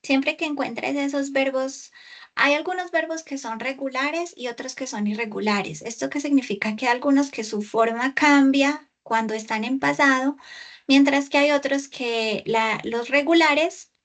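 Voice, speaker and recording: Brief: female English tutor on a video call, high voice, unhurried delivery, patient and explanatory. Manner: patient, slow and exaggerated English pronunciation, explaining in Spanish. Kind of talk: online tutoring session.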